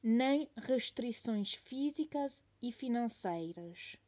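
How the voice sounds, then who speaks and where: A woman's voice: a little high, animated, slow pace, dark tone. A woman giving a dictation as a teacher, reading each phrase twice and saying the punctuation marks aloud.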